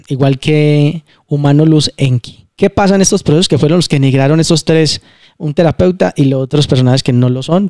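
A man hosts a casual spiritual talk. He explains emphatically, circling back to repeat his points. His voice is mellow and the sound is dry, with no room around it. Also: on the high side, dry recording. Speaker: channel host.

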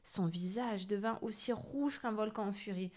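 A woman tells a children's story with lively expression. She reads as a storyteller and shapes each line for young listeners. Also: mid-range voice, normal speed. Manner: expressive, animated reading.

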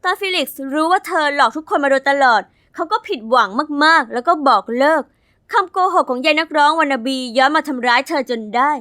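A young woman narrating her own animated story as its heroine, chatty, dramatic and confiding. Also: high voice, a little fast, no room sound, studio quality.

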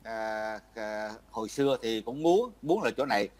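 A man's voice: lowish voice, expressive, moderate pace. An older man from Vietnam, chatting casually as an interviewee, rambling and breaking off with frequent laughs. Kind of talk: casual chat.

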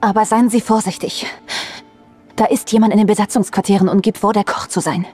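Actress as husky, worried station crewwoman. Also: mid-range voice, steady tone, a little fast, a little mellow, faint music behind, close to an everyday voice. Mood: worried, earnest. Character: worried, earnest female space station crew member. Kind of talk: video game voice acting.

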